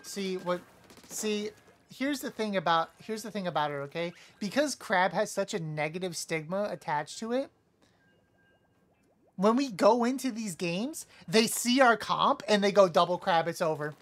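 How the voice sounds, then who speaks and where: A woman streaming a live game, trash-talking playfully, apologizing to teammates and suddenly yelling when a play goes wrong. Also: mid-range voice, expressive, measured pace. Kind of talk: live gameplay commentary.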